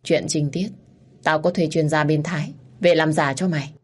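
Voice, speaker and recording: A woman's voice: sits low, fairly even intonation, moderate pace, a little mellow. A woman voicing a harsh, commanding father who runs a gang, reading an audio story. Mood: stern. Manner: commanding, scolding. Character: stern harsh father, gangster boss.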